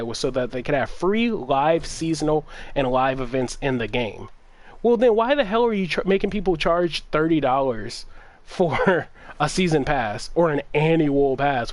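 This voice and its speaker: Exasperated man ranting on a gaming stream. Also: a little high. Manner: animated, exasperated ranting with frequent laughs and swearing. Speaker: gaming livestream host. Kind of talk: casual livestream rant.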